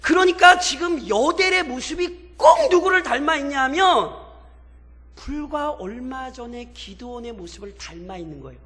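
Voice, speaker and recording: A man with a high, bright voice preaches a sermon in a church sanctuary. He keeps asking his listeners questions and slips into colloquial, mocking quotes as he retells scripture. His voice rings out in a long hall echo. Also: animated, normal speed. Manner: expository preaching with rhetorical questions to the congregation; acts out biblical characters in mocking colloquial quotes. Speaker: pastor. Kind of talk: sermon at a midweek prayer service.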